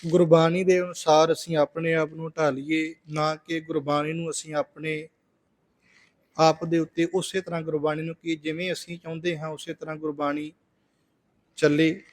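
A man with a Punjabi accent teaches scripture recitation in a fairly high voice. He recites verses slowly and deliberately, pausing between words to show how each one should be pronounced. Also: little pitch movement. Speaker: Sikh preacher teaching scripture pronunciation. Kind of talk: religious lesson on recitation.

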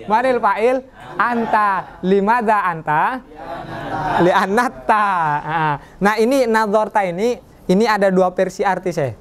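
A man teaching an Arabic class in a mosque, joking with his students and quizzing them as he goes. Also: high-pitched. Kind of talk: classroom lesson.

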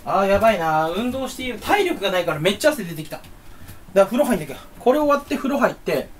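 A young man rambling on his own in a room at home. He is goofy and jumps around in pitch, and he teases himself as he goes. A faint hiss runs under his voice. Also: sing-song, fast. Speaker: YouTuber. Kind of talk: solo casual chat to camera.

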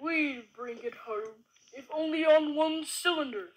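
A proud steam engine shouts back in a high, loud voice, played by a man. It is a defiant machine from a homemade toy train film, with hiss heard behind it. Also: a little slow, rough recording.

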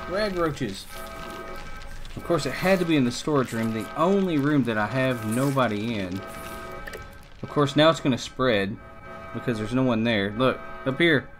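A man giving casual let's-play commentary, chatting to his game characters and breaking into excited outbursts. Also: mid-range voice. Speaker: gameplay streamer. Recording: faint game music behind.

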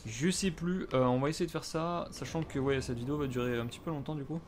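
Speaking fast in a mid-range voice, this man narrates his own gameplay as he plays. His commentary is loose and hesitant, peppered with swearing and abrupt outbursts.

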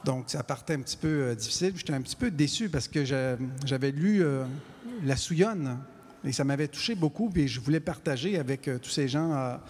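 A man moderating a Q&A on stage with a handheld mic, halting with many fillers. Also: medium pitch, a little mellow. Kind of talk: hosting a post-show Q&A. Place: stage of a large hall. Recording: long hall reverb, faint noise.

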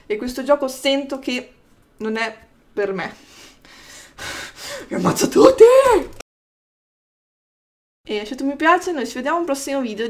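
A woman giving excitable gameplay commentary as a gaming YouTuber, exclaiming and taunting her opponents. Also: a little high.

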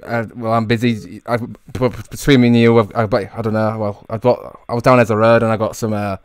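A man's voice: fairly low pitch, little pitch movement, a little fast, clean tone, no echo. A man in his twenties with an English accent, making casual prank calls in a hesitant, stammering way into a close microphone. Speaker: prank caller, video host. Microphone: close microphone on a boom arm.

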